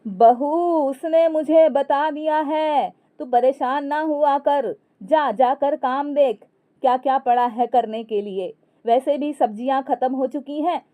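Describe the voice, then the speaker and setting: A woman's voice: high voice, takes it slowly, warm tone, voice pushed up. A woman voicing a scheming older mother-in-law who wheedles and snaps. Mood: scolding. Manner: wheedling, then snappish.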